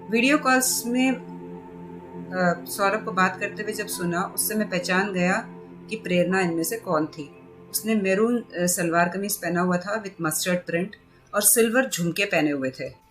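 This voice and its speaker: A woman narrating a novel in a conversational tone, making asides to her listeners. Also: mid-range voice. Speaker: book reviewer and reader. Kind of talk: storytelling narration.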